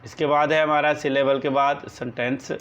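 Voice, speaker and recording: A man teaching English grammar. He dictates definitions slowly and then explains them quickly in everyday speech. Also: mid-range voice, little pitch movement, fairly bright tone, highs cut off. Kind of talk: classroom grammar lesson, mixing Urdu and English.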